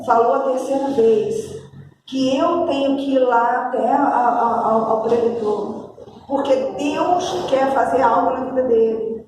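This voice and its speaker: A Brazilian woman pastor preaching a sermon, telling a story with lively acted-out dialogue. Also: fairly high pitch, slight background noise. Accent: Brazilian Portuguese. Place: church hall. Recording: echoey church hall, distant mic.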